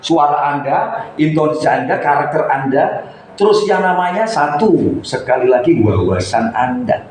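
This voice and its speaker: A man coaching members at a meeting, chatty and lecturing, with lively asides. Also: on the high side, normal speed, slight background noise. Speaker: coordinator of a local radio community. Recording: echoey room, faint background ambience.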